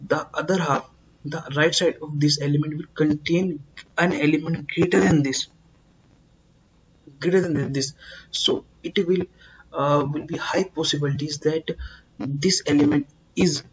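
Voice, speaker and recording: A man teaching a coding lesson, explaining slowly and emphatically, repeating words and filling pauses with "uh". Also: a little high, husky, lo-fi sound. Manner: slow, repetitive, emphatic explaining with many fillers. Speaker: programming tutor.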